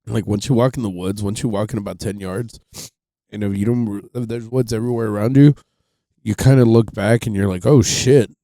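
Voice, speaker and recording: A man's voice: lowish voice, steady tone, brisk, warm tone, no echo, studio quality. A man telling a rambling, profane story on a casual podcast, full of fillers. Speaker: podcast host.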